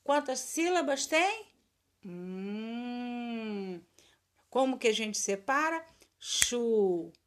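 Lady teacher recording an audio lesson for kids, drawn-out sing-song drilling, lots of praise, kinda high voice. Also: animated.

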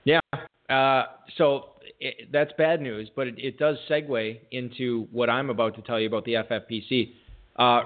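A man hosting a fantasy football talk show, reading promos with jokey, self-deprecating patter. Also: mid-range voice. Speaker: podcast host. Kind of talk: casual sports radio talk. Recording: tinny phone-like audio.

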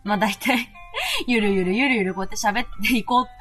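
A young woman co-hosting a casual radio chat, rambling quickly and laughing often. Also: medium pitch, fairly bright tone, faint music behind. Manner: chatty, rapid rambling with frequent laughter. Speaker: co-host.

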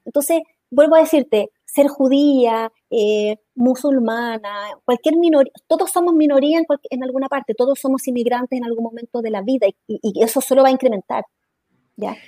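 A Chilean woman speaks with a Chilean accent as a guest in a conversational interview, earnest and impassioned, frequently restarting her sentences. Her voice is high and dark in tone, at a normal speed, with no echo.

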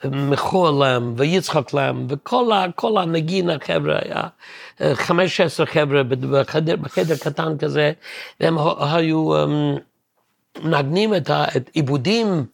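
Guest composer, male, very gravelly, slightly high, halting storyteller who keeps hunting for words. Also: dry recording. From Williamsburg, New York. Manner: halting, searching for words, many restarts. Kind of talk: casual storytelling interview.

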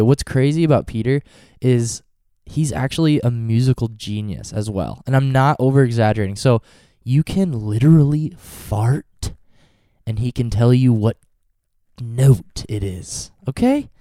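A touring band musician in his twenties, stuffy with a cold, chats casually in a vlog, rambling off into goofy tangents and jokes. His mid-range voice is mellow, and the studio-quality audio has no room sound.

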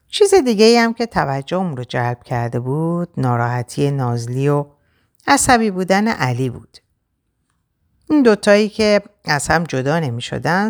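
Low-voiced expressive woman storyteller. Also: creaky. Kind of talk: first-person storybook narration.

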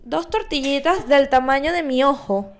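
A woman's voice: high-pitched, normal speed, a little hiss or hum. A young Venezuelan woman with a Venezuelan accent, hosting a casual podcast chat and telling stories with slangy, laughing asides. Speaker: podcast host.

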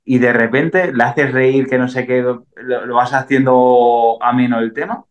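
A man's voice: medium pitch, fairly even intonation, a little slow, dull audio. A man from Spain, a mountain bike racer, chatting as a guest in a casual podcast interview, rambling with many restarts. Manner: rambling, full of restarts and laughs.

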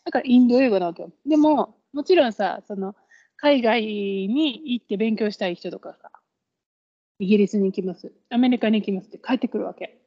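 A woman's voice: mid-range voice, normal speed, dry recording. Chatty Kansai woman, dull audio. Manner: chatty, laughs often, explains with examples. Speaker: podcast co-host. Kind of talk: casual chat.

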